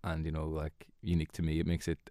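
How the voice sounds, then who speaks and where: This man, a musician from Donegal, Ireland, with the region's accent, talks casually and modestly in an interview, sounding hesitant yet easygoing. His extremely low, mellow voice is monotone and quick, recorded in a studio with no echo.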